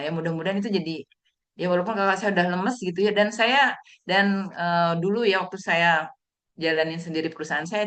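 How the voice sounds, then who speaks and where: A woman's voice: on the low side, fairly bright tone. A woman giving an online motivational training talk over a video call, speaking conversationally and acting out the people she quotes in raised voices.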